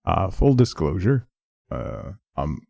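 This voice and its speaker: A man hosting a casual game livestream, talking in a sedated, flat, low-energy way, subdued from medication. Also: slow pace, gravelly, no echo, studio quality. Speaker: game streamer, host. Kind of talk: casual livestream intro talk.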